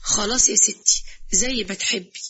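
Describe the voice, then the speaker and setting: A woman's voice: mid-range voice, moderate pace, pushed and bright, slightly rough. A woman voicing an irritable young husband with an Egyptian accent. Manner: snappy, complaining.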